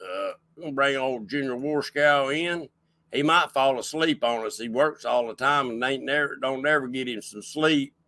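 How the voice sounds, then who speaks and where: A man's voice: medium pitch, normal speed, bright, forceful tone, no echo. A man hosting a casual livestream chat show, folksy and rambling as he welcomes people in. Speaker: show host.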